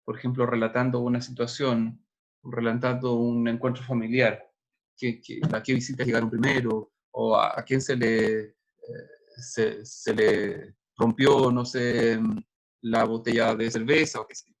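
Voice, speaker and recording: A man's voice: medium pitch, little pitch movement, measured pace, gravelly. A middle-aged man gives a university lecture in a conversational way, working through examples with frequent hesitations. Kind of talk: recorded lecture on neuropsychology.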